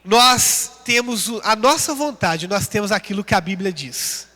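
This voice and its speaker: High-voiced preacher man in an echoing church. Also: expressive, measured pace, sharp tone. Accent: Brazilian Portuguese. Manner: rising emphatic call-and-response preaching, reading scripture references. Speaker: pastor. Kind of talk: sermon. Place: large church hall. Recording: long church hall reverb.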